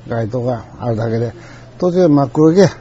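A man's voice: medium pitch, expressive, quick pace, warm tone, breathy edge, lo-fi sound. An older man with a Kansai accent, telling old stories in a rambling way and chuckling now and then. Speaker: storyteller. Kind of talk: casual spoken reminiscence.

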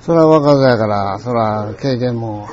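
An older man with a Kansai accent telling a rambling, reflective story in a folksy way, often clearing his throat. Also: mid-range voice, measured pace, darkish tone, muffled recording, a little hiss or hum. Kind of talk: reflective monologue.

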